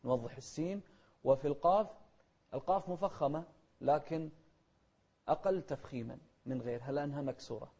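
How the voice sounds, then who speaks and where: A man teaching Quran recitation, correcting common mistakes by slowly reciting phrases the wrong way and then the right way. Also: fairly high pitch, mellow. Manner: careful, corrective, repeating phrases slowly for contrast. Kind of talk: instructional lesson with recited examples. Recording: dull lo-fi recording.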